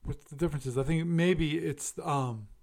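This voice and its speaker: A podcast host with a slightly high, somewhat mellow voice talks at a moderate pace on his casual solo show. He muses aloud and chats as he reviews things, often correcting himself along the way.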